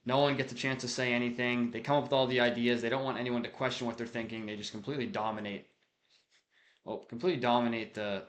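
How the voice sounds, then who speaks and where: A man speaking casually and directly as a leadership coach, talking to camera with frequent restarts, often acting out quick lines of dialogue. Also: mid-range voice, a bit bright. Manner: casual, direct, conversational, with frequent restarts and acted-out example quotes. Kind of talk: unscripted talk to camera on leadership.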